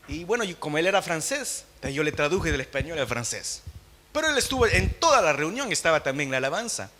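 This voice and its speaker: Man, preacher, from Latin America, church sermon, bright tense voice, lively swooping pitch. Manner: impassioned, rising to emphatic peaks then dropping low and intimate.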